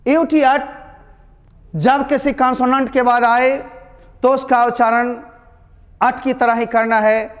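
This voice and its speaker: Slow, high-voiced teacher. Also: male voice, level tone. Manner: explains slowly, repeats words, addresses students as "my children". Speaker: English pronunciation teacher. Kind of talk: classroom lesson. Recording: long reverb.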